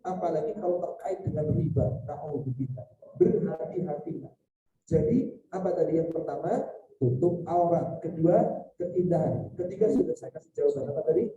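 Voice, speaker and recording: A male preacher gives a humorous sermon and keeps putting questions to his audience. His voice is very dark and mellow. It carries through an echoey event hall from a mic set well away from him. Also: fairly high pitch, normal speed, distant mic, muffled recording, soft background music. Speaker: Islamic preacher. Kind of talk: sermon on marriage at a celebration.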